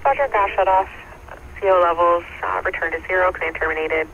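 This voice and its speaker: A man's voice: high-pitched, steady tone, a little fast. A man working as a fire dispatcher, heard over a two-way radio and giving calls in clipped, procedural radio phrasing. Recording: muffled radio audio with loud static.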